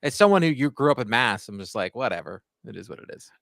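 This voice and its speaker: A gravelly, slightly bright, medium-pitched voice swings widely in pitch as this fast-talking Canadian in his forties chats about his hockey channel. The casual podcast talk rambles with many fillers and restarts, recorded dry at studio quality.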